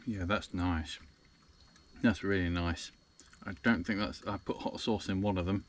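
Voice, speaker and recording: A man's voice: low-pitched, fairly even intonation, unhurried, a little hiss or hum. A man chatting casually to camera from inside a small parked van, rambling with lots of ums. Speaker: van-life vlogger.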